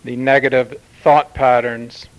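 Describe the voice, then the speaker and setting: A man channeling a solemn male Martian commander who addresses Earth in formal, measured pronouncements with long pauses. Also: medium pitch, flat delivery, dull audio, lightly acted. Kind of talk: channeled spiritual message.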